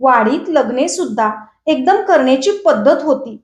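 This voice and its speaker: A woman reads a novel aloud in a fairly high voice, telling the story at a steady, measured pace. Her voice rings around an echoey room. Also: lo-fi sound. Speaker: audiobook reader.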